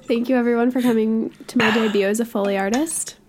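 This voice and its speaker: A woman's voice: on the high side, fairly even intonation, fast, background noise. A woman co-hosting a podcast in casual chat, with a nasal voice, congested from being sick. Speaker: podcast co-host.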